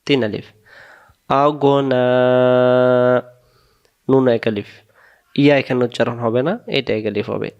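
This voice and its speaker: A man's voice: mid-range voice, gravelly, a little mellow. A man with a Bangladeshi accent teaching Quran recitation step by step, stretching out syllables and repeating each word to show how it is said. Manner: slow, drawn-out syllables when demonstrating, repeats each word.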